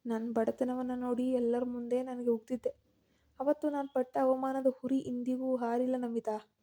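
A woman's voice: on the high side, mellow, close to an everyday voice. A woman voicing a bitter, vengeful young man who taunts and sneers at his old college love.

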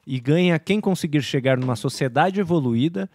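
A man's voice: a little high, expressive, normal speed, a little mellow, no echo. A man with a mid-range voice co-hosting a podcast. He reads viewer donations and questions aloud in an easygoing way. The recording is dry and close. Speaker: podcast co-host reading donations. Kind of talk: casual podcast banter.

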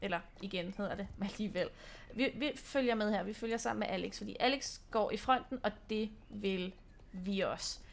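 A woman's voice: medium pitch, gravelly. A young woman from Denmark giving casual, playful commentary while playing a horse-riding game. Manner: chatty, playful, giggly. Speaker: gaming channel host.

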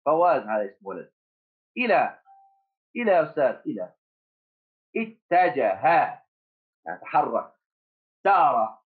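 A man teaching first graders online, encouraging the class, repeating words slowly and asking them questions. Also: mid-range voice. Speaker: primary school teacher. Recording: tinny phone-like audio.

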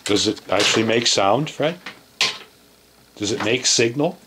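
A man's voice: fairly low pitch, measured pace, background noise. A man hosting a casual studio visit, joking loosely and swearing now and then. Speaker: video host. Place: recording studio.

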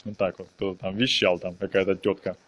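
This let's player has a deep, level-toned voice and speaks fairly quickly while casually walking viewers through gameplay. He favors slang and diminutives, and the recording cuts off the highs with a little hiss or hum.

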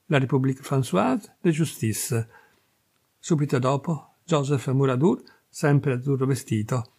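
A man reading a classic short story aloud as an audiobook, with measured, expressive narration. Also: mid-range voice. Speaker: reader.

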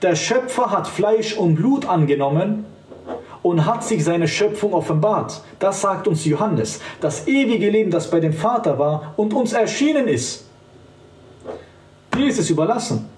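Emphatic male evangelist, fairly high voice, picked up from some distance. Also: expressive, a little slow, a little mellow. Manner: fervent, emphatic, addresses the listener directly. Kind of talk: street-style preaching to camera. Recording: roomy sound, voice from a distance.

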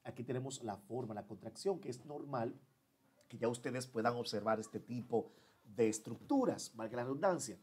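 A man teaching English in an online class, repeating each phrase in English and Spanish and drilling forms slowly. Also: mid-range voice, animated, darkish tone, slightly rough. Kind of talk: online class, bilingual explanation.

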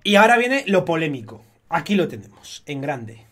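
A young man from Spain with a Spanish accent, talking excitedly through a casual live-stream commentary, swearing often in chatty fan banter. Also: fairly high pitch, moderate pace, over music. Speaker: streamer analyzing an anime opening.

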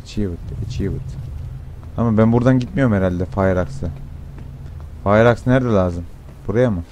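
A young man with a fairly low voice commentates on his gameplay in a loose, swearing style, often bursting into shouts. A faint noise sits behind him. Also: brisk. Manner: excitable, swears a lot, sudden shouts. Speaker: gameplay streamer.

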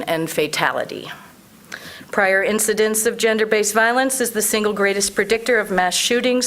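A woman's voice: medium pitch, fairly bright tone. A woman reads a prepared advocacy speech as a public commenter at a council meeting, earnest and emphatic.

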